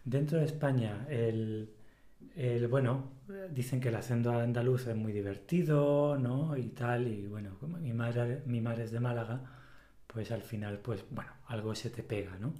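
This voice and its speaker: A man's voice: mid-range voice, unhurried, dark tone. Guy from spain chatting on a podcast, explains stuff, restarts a lot, roomy echo. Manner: explains at length, restarting phrases. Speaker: podcast host. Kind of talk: casual conversational chat. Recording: echoey room.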